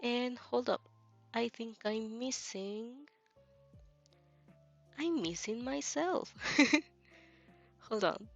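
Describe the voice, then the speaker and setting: A female streamer hosting a fanfic reaction channel chats casually and leisurely on a livestream with music playing behind her. Hesitant and giggly, she searches for words, drawing them out and pausing often in a slightly high voice. The sound is lo-fi.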